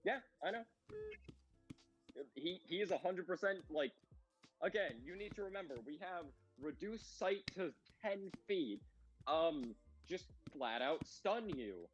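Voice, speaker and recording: Young male player, animated and swearing, slightly high voice, faint music. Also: unhurried, highs cut off. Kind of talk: casual tabletop game chat.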